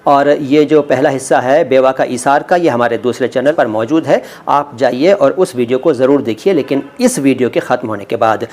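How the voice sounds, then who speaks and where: A middle-aged man teaching word meanings, repeating each word with careful, slow pronunciation. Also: medium pitch, a little mellow. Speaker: language teacher.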